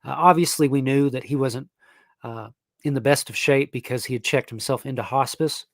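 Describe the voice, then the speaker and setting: A young man hosts a sports live stream, talking casually in a nasal voice at an even, middle pitch and a moderate pace. He rambles, filling gaps with fillers and restarting sentences. The close mic gives a dry sound with no echo or room around it.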